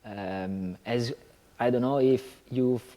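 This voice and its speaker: A man from Italy with an Italian accent, a guest telling his story in a relaxed, hesitant way with many pauses. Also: mid-range voice, lo-fi sound. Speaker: guest, yoga teacher. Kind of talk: casual interview talk.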